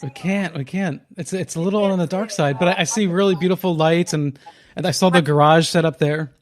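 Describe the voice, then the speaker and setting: A man hosting a live late-night call-in radio show, chatty and excitable. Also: a little high, a little fast. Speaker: radio host.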